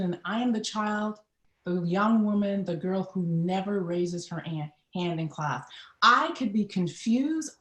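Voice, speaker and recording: Trinidadian woman, middle-aged, guest recounting her past with animated voices, echoey room. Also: mid-range voice. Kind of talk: personal storytelling in an interview. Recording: roomy echo.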